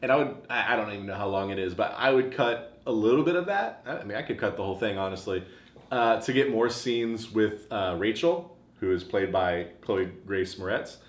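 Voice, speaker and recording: Young male co-host, lower voice, measured and hesitant, echoey room. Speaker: podcast co-host. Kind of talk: casual chat.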